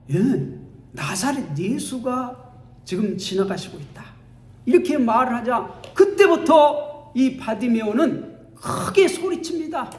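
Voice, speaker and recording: A male pastor preaches in a high-pitched voice, taking his time and letting each phrase land. He tells the story dramatically, acting out its scenes. His voice rings around an echoey church sanctuary. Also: darkish tone. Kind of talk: sermon.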